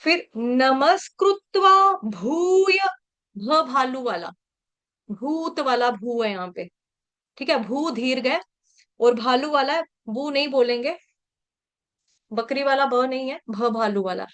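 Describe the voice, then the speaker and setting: A woman with a high, clear voice leads a scripture class. She chants the verse line by line at a very slow, sung pace, then patiently breaks down each syllable. Her tone stays smooth and even. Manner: patient, repeats syllables slowly and explains each sound. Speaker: Gita recitation teacher.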